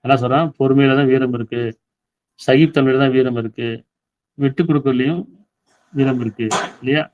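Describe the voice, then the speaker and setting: Male preacher, mid-pitched, reads verses and explains them, keeps checking in with listeners; slightly dull lo-fi audio. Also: steady tone, fairly quick. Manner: asks listeners rhetorical questions, reads verses aloud then explains. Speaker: Islamic preacher. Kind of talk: Tamil sermon explaining Quran verses.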